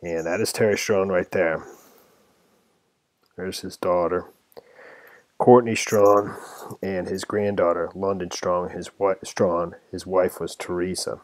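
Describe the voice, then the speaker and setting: Heard in a dry recording, a deep-voiced man with a steady tone comments informally on a news item. He mixes reading with ad-libbing, and his delivery is halting and rambling, with frequent stumbles over words.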